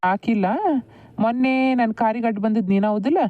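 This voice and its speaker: A woman's voice: fairly high pitch, a little fast, no room sound, lightly acted. A lovestruck young man in a cartoon, eager and prying, voiced by a woman. The audio is dull, lo-fi and dry. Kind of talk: cartoon voice acting.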